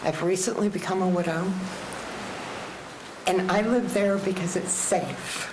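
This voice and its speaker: A woman's voice: lowish voice, fairly even intonation, a little slow. An older woman gives earnest, plain-spoken, personal comments as a resident at a public meeting. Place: indoor public meeting chamber. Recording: echoey meeting room with clear background noise.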